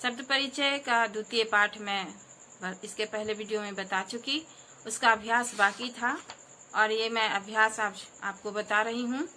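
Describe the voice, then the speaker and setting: Slow, bright-voiced woman teaching. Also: a little high, steady tone, slight background noise. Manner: slow, clear dictation, pausing for pupils to repeat. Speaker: Sanskrit teacher. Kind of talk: school lesson.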